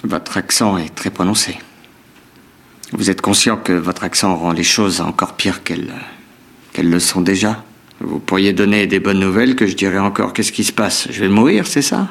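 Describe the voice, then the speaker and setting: A man's voice: low voice, normal speed, a bit bright, heavily acted. A man voicing a sick male patient who teases his doctor in a dubbed series scene. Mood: teasing. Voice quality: gravelly, husky, teasing.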